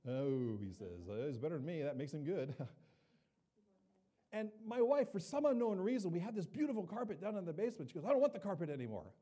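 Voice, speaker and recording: A middle-aged man delivers a sermon, drifting easily from teaching into a humorous personal story and playing every character in it. His voice is warm and mellow, a little higher than most men's, and it swings widely in pitch as he talks. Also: very animated, a little fast. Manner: conversational, humorous, acts out quoted voices. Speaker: pastor.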